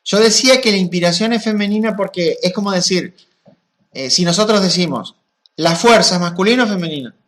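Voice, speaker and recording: A man, a spiritual teacher answering questions in a calm, explanatory way and chanting mantras with drawn-out vowels. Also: high voice. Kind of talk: gnostic teaching talk.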